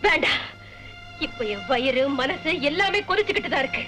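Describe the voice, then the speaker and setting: An actress playing a wounded, proud young wife who speaks with restrained bitterness, in 1970s film acting. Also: female voice, sits high, animated, a little fast, pushed and bright, soft background music. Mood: bitter.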